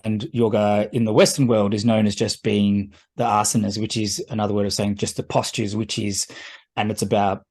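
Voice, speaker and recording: A man's voice: lowish voice, a little mellow. Hesitant man, filmmaker guest. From Fiji. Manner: thoughtful, hesitant with many fillers. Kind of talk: festival Q&A answers.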